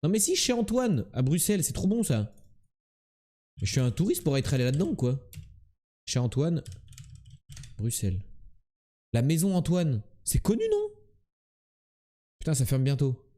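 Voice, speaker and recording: Loud teasing male streamer, mellow voice. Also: a little high, sing-song, normal speed, long pauses. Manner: loud, teasing, talks to chat. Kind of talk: live-streamed quiz game chat.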